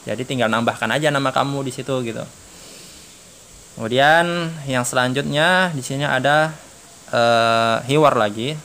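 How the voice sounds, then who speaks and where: A man with an Indonesian accent teaching an online lesson, reading dialogue lines slowly and explaining them in a relaxed, chatty way with many fillers. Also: medium pitch, slight background noise. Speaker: Arabic teacher.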